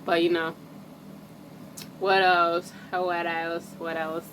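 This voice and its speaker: A woman with a low, level voice talks casually to her camera in a loose, slangy way, stopping and restarting her thoughts. Her speech sits in a low register and hardly rises or falls. Steady background noise and passing traffic are clearly heard behind her. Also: takes it slowly. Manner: loose and rambling, breaks off and restarts, laughs at herself. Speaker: astrology vlogger. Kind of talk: casual rambling chat to camera.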